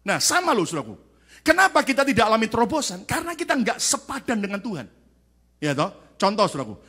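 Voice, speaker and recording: A male pastor preaches in a high, lively voice, firing questions at his congregation and waiting for their reply. His delivery jumps between loud, shouted peaks and low, quiet asides. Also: quick pace, breathy edge. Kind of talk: sermon. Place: large church sanctuary.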